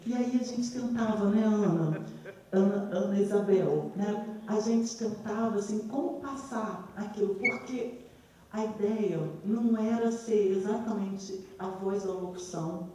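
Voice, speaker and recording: A woman's voice: mid-range voice, measured pace, crowd noise. A woman film director talking hesitantly at a panel after a screening, often restarting her sentences. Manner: hesitant, self-deprecating, many restarts. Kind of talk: post-screening panel talk. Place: screening hall. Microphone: distant hall microphone. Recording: echoey hall from far off, faint noise.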